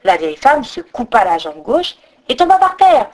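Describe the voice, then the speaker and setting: A woman reading a folk tale aloud as storyteller, expressive, with sung-out sound effects. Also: on the high side, normal speed. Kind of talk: storybook narration.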